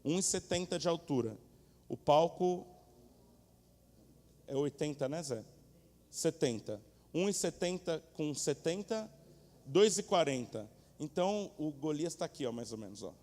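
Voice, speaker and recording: A man preaching a sermon from a church stage in a lively, colloquial way, speaking directly to the congregation. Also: on the high side, unhurried, pauses often. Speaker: pastor. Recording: echoey church hall.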